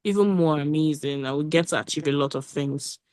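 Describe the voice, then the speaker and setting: Meeting lead, woman, lower voice, quick run-on delivery, dry video-call audio. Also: a little mellow, dry recording. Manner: quick, run-on talk with restarts. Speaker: working group meeting lead. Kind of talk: casual meeting update.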